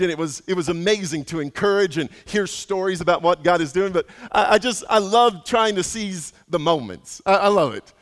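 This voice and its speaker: A male pastor preaching a sermon in a high voice, telling his story earnestly with frequent restarts and repeated words. His voice carries a long reverb through a large church sanctuary. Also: a bit bright.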